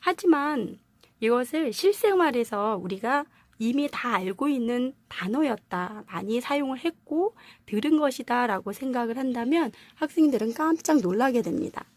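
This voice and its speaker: A woman with a fairly high voice gives a friendly, explanatory language lesson. She walks through pronunciation rules step by step and keeps asking her viewers rhetorical questions. The sound is dry and close. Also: expressive, moderate pace, darkish tone, dry recording. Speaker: Korean language teacher. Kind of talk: video lesson to camera.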